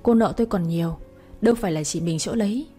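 A woman voicing a calm young man who speaks kindly to the heroine in a storybook. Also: lowish voice, fast talker, soft background music, close to an everyday voice.

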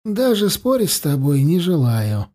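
A smug, icy priest speaks down to his captive in a lifted, thin register, as a man reading the story puts him on. He draws out his words slowly and mockingly. It is a dark fantasy audiobook scene. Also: on the high side, sing-song. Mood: weary scornful. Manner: cold, mocking and condescending. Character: cold, smug middle-aged male priest and torturer.

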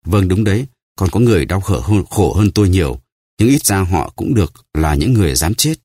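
A man's voice: low-pitched, big pitch swings, a little fast, dark tone, dry recording, studio quality, full character voice. A man voicing a desperate, starving male prisoner who stammers and pleads, in an audiobook. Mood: pleading. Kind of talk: audiobook character voice.

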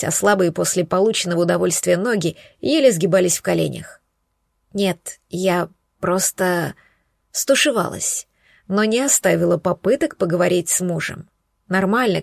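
Woman reading a romance audiobook, a bit gravelly, dry close sound, intimate. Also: medium pitch, a little mellow, dry recording. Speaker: audiobook narrator. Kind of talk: first-person romance novel narration.

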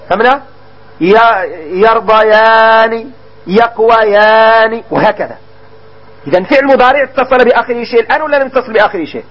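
A man with a Moroccan Arabic accent teaching a grammar lesson, quizzing his listeners and drawing example words out slowly. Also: very high voice, breathy edge, dull audio.

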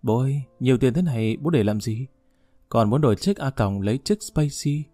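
A spoiled, wheedling young woman, as a male reader voices her. The voice stays mellow and dark and is recorded dry. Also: medium pitch, a little fast, breathy edge, no room sound, faint music behind, natural voice. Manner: coaxing and cheeky.

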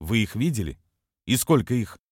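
A male reader voicing a sharp, scheming young woman in a dry, close audiobook recording. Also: sing-song, normal speed, husky, no echo. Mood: tense. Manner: higher, lighter put-on voice, faking a choked wheeze on the call.

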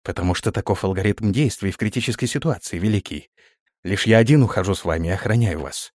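A man's voice: on the low side, fast talker, a little mellow, dry recording, clean studio sound, lightly acted. A man voicing a formal, rule-bound palace guard officer who speaks steadily. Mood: dutiful, formal. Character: dutiful, stiff male palace guard officer.

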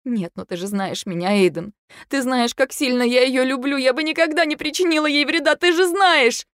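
A woman's voice: mid-range voice, a little fast, no echo, studio quality, voice pushed up, natural voice. A woman playing a desperate, pleading young mother. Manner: pleading, tearful. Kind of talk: audiobook reading.

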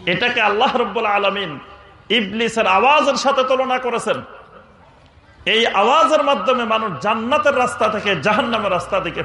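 A man's voice: high-pitched, bright, forceful tone, echoey room. A man preaching a sermon with fiery emphasis, chanting Arabic quotations in a sung tone. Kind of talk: Bengali waz sermon.

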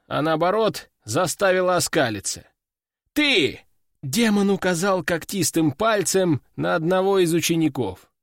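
A man narrating a first-person audiobook in a lively storytelling manner, close to the mic. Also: sits high, no room sound.

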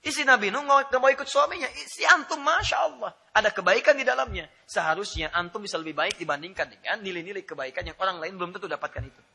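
A man preaching an Islamic sermon, animated and joking, talking straight to his listeners. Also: sits high, quick pace, vocal fry, hardly any pauses, slightly rough. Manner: animated, joking with the audience, rising to loud laughing emphasis; addresses listeners directly.

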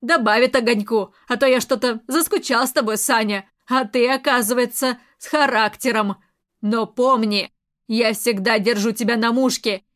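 A woman's voice: a little high, close to an everyday voice. Woman voicing a menacing domineering police colonel. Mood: mocking, menacing. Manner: loud, slow, threatening and mocking. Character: domineering menacing man, militia colonel, murderer.

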